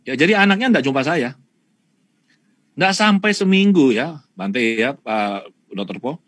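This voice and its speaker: Animated husky man telling a story. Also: mid-range voice, measured pace, no room sound. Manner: animated, acts out both sides of a dialogue. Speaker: guest speaker, therapist. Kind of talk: storytelling in an online talk show.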